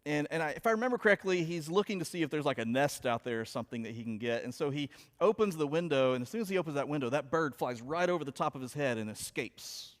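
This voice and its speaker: A man preaching a sermon, opening with a chatty, animated story told to his congregation. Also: on the high side, quick pace, few pauses. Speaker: pastor. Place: church sanctuary. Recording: long hall reverb.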